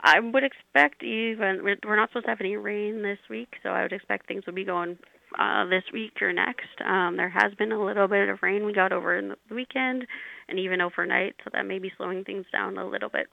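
Woman, very gravelly fry, hesitant interview answers, tinny phone-like sound. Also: medium pitch, fairly even intonation, a little fast, no room sound. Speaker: regional crop specialist. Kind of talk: unscripted radio interview answers. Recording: narrow, dry phone-like line.

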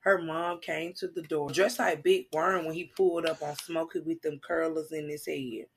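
An American woman co-hosting a podcast, chatting casually and telling personal stories in an expressive, exclamatory way with a husky voice. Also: low-pitched, normal speed, a little hiss or hum. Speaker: podcast co-host. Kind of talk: casual chat and personal storytelling.

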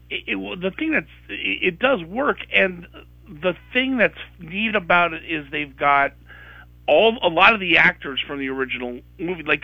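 Gravelly man rambling about films. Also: on the high side, no echo, dull audio. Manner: rambling, many restarts. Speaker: film critic guest. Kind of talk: radio movie review.

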